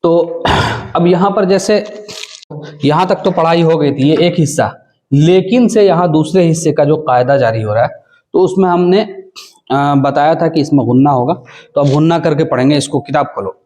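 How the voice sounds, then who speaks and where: Man teaching slow, drawn-out Quran recitation. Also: fairly high pitch, a little mellow. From South Asia. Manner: drawn-out syllables. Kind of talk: spelling-out recitation lesson.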